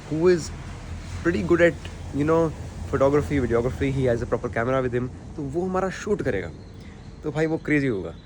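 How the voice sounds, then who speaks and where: A young man vlogging to a handheld camera, excitable and mixing Hindi and English as he talks. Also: medium pitch. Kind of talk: casual vlog talk to camera. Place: outdoors at a shopping mall at dawn. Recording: noticeable background noise.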